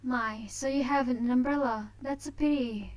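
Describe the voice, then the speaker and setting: A woman acts out a haughty young lady in a visual novel, lifted slightly above everyday pitch. She is prim and proper, with a teasing, aloof air. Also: steady tone, moderate pace, close to an everyday voice.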